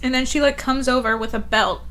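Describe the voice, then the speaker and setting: A young woman co-hosting a book podcast in excited casual chat, swearing freely and saying "like" a lot. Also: high-pitched, a little fast. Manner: excited, animated, swears casually, says "like" often. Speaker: podcast co-host.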